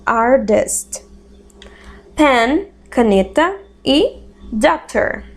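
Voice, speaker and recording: A woman from Brazil gives an online English lesson in a fairly high voice. She talks slowly and repeats each English word several times with care, like a patient teacher. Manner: slow, careful repetition of English words.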